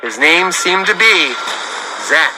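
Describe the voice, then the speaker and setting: A man narrating a serialized story in an even storytelling manner. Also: fairly high pitch, slow, noisy background. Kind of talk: scripted narration.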